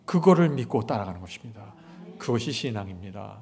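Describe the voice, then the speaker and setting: A man's voice: expressive, gravelly, breathy edge. A man preaching a sermon, speaking as God in plain words, then turning to explain to the congregation. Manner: swings from loud, slow emphasis to quiet, low asides. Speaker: pastor.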